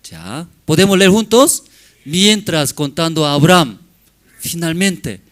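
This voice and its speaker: A man's voice: on the high side, big pitch swings, slow, fairly bright tone. A man pastor preaching a sermon emphatically, in broken grammar with many rhetorical questions.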